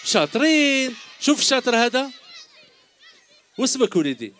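A middle-aged man with an Algerian Arabic accent hosts a children's show on an outdoor stage, jokingly teasing a big crowd of kids with quiz questions through a handheld mic and calling them "my dears." His voice is extremely high and sing-song at a normal speed, set against crowd noise and a noisy background.

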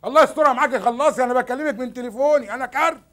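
A man's voice: very high voice, racing, a bit bright. A man with an Egyptian accent in a shopping mall, caught in a hidden camera prank, trying to soothe and insisting with growing frustration. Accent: Egyptian Arabic. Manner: soothing then increasingly frustrated, repetitive. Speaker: passer-by, prank target.

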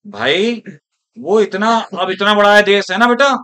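A male teacher lectures his class in a voice a little on the high side, unhurried and sharp in tone. He speaks rhetorically and keeps checking whether the students are following him.

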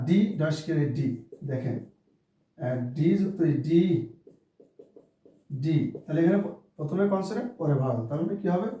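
A man's voice: fairly high pitch, mellow. A man teaching a beginners' English lesson, spelling words out letter by letter and posing questions that he answers himself. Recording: distant mic in a very echoey room.

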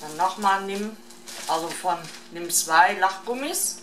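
Casting: middle-aged woman, casual haul vlogger with halting item-by-item delivery, picked up from a distance in an echoey kitchen. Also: medium pitch, expressive. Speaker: vlogger showing a shopping haul. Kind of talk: casual unscripted haul commentary. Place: home kitchen, indoors. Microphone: camera mic at a short distance. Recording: roomy, distant camera mic with clear noise.

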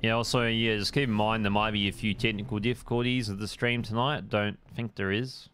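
A man's voice: lowish voice, flat delivery, brisk, fairly bright tone, faint music behind. A young adult man, chatting casually on a gaming live stream, rambling laid-back and swearing at the game.

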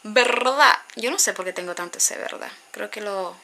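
Her mid-range voice is bright and forceful, with vocal fry, at a normal speed, and some slight background noise is audible. She's a thirtysomething beauty vlogger from Honduras, casually rambling through a makeup tutorial at a close webcam in her small bedroom, mixing in English words.

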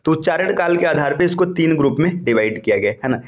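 A man teaching a slide-based grammar lesson for exam students, patiently repeating key terms and slowing down to say each vowel sound. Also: on the high side, animated. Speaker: Hindi teacher for exam preparation.

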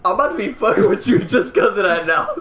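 A man livestreaming a co-op game with a friend, loud, laughing a lot and swearing freely. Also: high voice, animated, quick pace. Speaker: livestreaming gamer. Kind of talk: casual co-op gaming chat.

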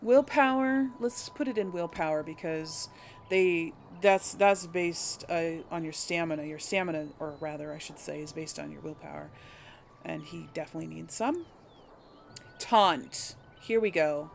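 Deep-voiced and a little slow, with vocal fry and faint hiss or hum, this gamer talks her viewers through a role-play playthrough. Her commentary is relaxed and thoughtful, full of hesitations and self-corrections.

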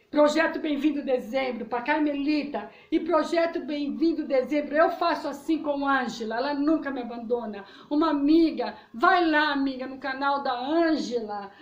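Devout high-voiced Brazilian woman vlogger. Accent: Brazilian Portuguese. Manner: devout, chatty, often tags lines with "tá?". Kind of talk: casual faith talk to viewers. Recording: echoey room.

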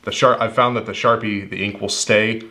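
In an indoor workshop, a thirty-something HVAC technician at a wooden table casually walks the camera through his everyday tools. His voice is on the low side and sharp, with fairly even intonation and a moderate pace, and he rambles, repeating words as he thinks.

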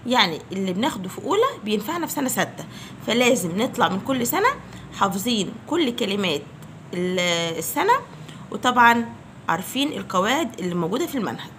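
A woman with an Egyptian Arabic accent teaching English vocabulary, saying each word slowly and clearly and repeating it several times. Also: mid-range voice, sing-song, a bit bright, a little hiss or hum. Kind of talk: vocabulary review lesson.

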